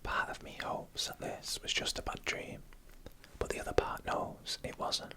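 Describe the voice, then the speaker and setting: This narrator and host whispers scary stories ASMR-style, breathy and hushed, speaking slowly and deliberately right up against the mic.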